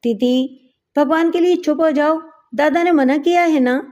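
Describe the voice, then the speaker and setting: A woman's voice: a little high, warm tone, lightly acted. Woman voicing an armed gang henchman. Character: armed male gang henchman, nagging, dutiful.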